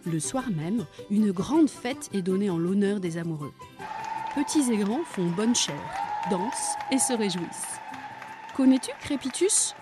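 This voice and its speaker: A woman reading a children's story aloud in a lively, playful way. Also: medium pitch, unhurried. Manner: lively, playful, acting out many voices. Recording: soft music bed.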